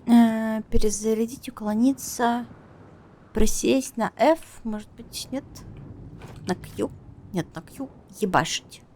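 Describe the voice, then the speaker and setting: Young female game streamer, slightly high voice, playful, sweary muttering, faint noise behind. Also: slow pace, mellow. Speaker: streamer playing a video game. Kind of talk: casual gaming stream commentary.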